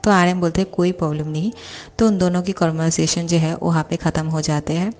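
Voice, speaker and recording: A woman retells a fan-fiction story in a plain, steady manner. Her voice sits low and sounds mellow and warm. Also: fast talker.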